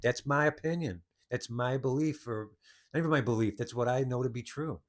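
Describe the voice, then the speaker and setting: A man's voice: mid-range voice, fairly quick. A man hosting a podcast, telling a story in a rambling, casual monologue with many restarts. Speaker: podcast host.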